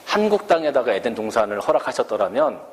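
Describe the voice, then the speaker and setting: Animated male preacher in an echoey hall. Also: medium pitch, fast talker. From Korea. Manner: animated preaching, rhetorical questions, acts out quotes. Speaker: pastor. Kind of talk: sermon. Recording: echoey church hall, faint ambience.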